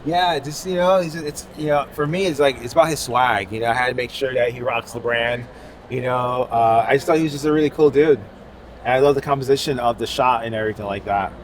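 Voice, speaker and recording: This Haitian man is an artist rambling through a relaxed interview at an outdoor art fair, padding his speech with filler phrases. His voice sits at medium pitch and moves a little fast, with a slight hiss or hum in the recording.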